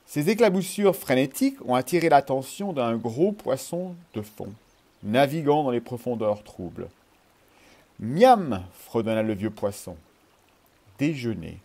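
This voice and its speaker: Man, children's story reader, mellow dark tone, expressive. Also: mid-range voice, normal speed.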